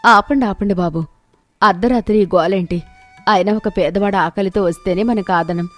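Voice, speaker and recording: A woman's voice: mid-range voice, moderate pace, soft background music, natural voice. Woman as strict mother-in-law; firm, commanding, no nonsense. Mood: calming.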